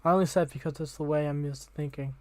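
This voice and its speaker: A man's voice: on the high side, fairly even intonation, rapid-fire, no room sound. A young man reading a visual novel aloud as the channel host, casual and slangy, tripping over words now and then.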